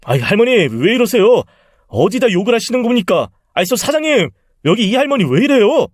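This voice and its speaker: A man's voice: a little high, lively intonation, normal speed, dry recording, studio quality, lightly acted. A man voicing a spiteful, scheming middle-aged son-in-law who mocks his sick mother-in-law. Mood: flustered. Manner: contemptuous, then flustered and pleading.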